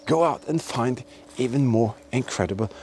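With lively intonation and a darkish mid-range tone, a man hosting a history-exploring video talks to camera at a moderate pace as he walks through a forest and ruined buildings. There's slight background noise, and his manner is enthusiastic and emphatic, with words repeated.

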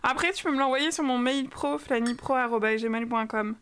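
Chatty high-voiced French woman streamer. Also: moderate pace, a bit bright. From France. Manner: chatty, greets viewers by name, many fillers. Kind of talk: casual live-stream chat.

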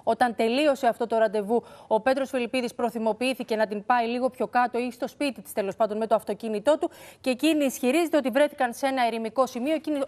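A woman's voice: on the high side, darkish tone. A woman reporting on a court case on a TV news panel, retelling testimony in detail with a few restarts.

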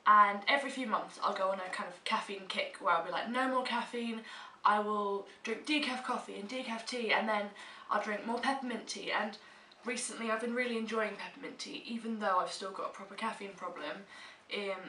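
A young British woman vlogger with a stuffy cold chats casually but emphatically to camera about her monthly favourites from a small room at home. Her mid-range voice is steady, brisk, bright and forceful. The distant mic picks up a roomy echo and faint hiss.

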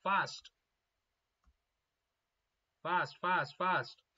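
A young man teaching a live exam-prep class, repeating each question and urging students to answer fast. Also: high-pitched, fairly even intonation, sharp tone. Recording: slightly dull lo-fi audio.

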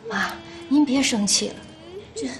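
An actress playing a meek young wife who speaks softly and pleadingly to her mother in a TV drama. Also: high-pitched, sing-song, unhurried, over music. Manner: soft-spoken, pleading. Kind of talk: TV drama acting.

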